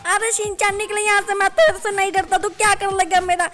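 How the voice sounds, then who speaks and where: A little cartoon boy turned bully, as a man plays him taunts and threatens in a very high, shrill voice. His pitch barely moves, and music plays clearly behind him. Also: flat delivery, brisk. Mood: taunting. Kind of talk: cartoon voice over gameplay.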